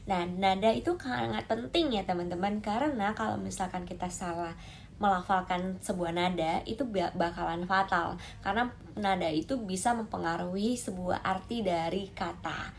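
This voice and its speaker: A woman's voice: mid-range voice, gravelly, slight background noise. A woman teaching Mandarin tones in a lesson, calling out and stretching demonstration syllables. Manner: lively, drawn-out demonstration syllables. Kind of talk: explaining lesson to camera.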